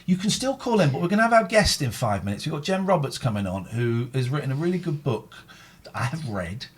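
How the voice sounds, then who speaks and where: A man's voice: a little high, sing-song, fast talker. A man with a British accent hosting a live phone-in show in casual, rambling chat, often repeating his phrases.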